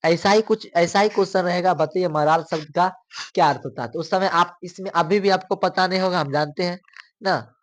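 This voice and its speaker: Guy teacher going thru exam mcqs, bit high voice, dry close mic. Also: a little fast, dry recording. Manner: repeats questions, asks viewers to answer. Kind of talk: exam question walkthrough.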